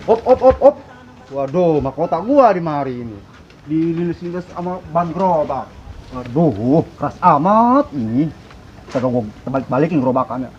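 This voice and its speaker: A man's voice: fairly high pitch, sing-song, normal speed, a little mellow, highs cut off. Sassy drag queen for comedy skit, male actor, Jakarta Betawi accent, whiny and quarrelsome, noisy location sound. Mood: angry, scolding.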